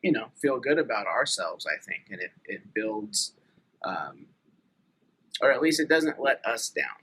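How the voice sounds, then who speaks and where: A man's voice: fairly low pitch, big pitch swings, a little slow, pushed and bright, a little hiss or hum, low-quality recording. A man in his late thirties talking earnestly and thoughtfully in a casual podcast conversation, with many fillers. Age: late 30s.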